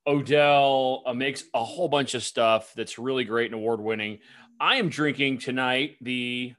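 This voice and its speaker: A man's voice: medium pitch, steady tone, moderate pace, a bit bright. Guy cohost talking beers at home, laid back, dry teasing. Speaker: podcast co-host. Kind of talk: casual chat.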